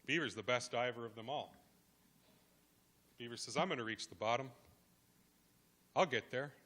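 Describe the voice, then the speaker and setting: Guy telling an old creation story, bright voice, lots of pauses and repeats. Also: mid-range voice. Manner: dramatic pauses, rhythmic repetition. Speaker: guest speaker. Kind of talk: oral storytelling.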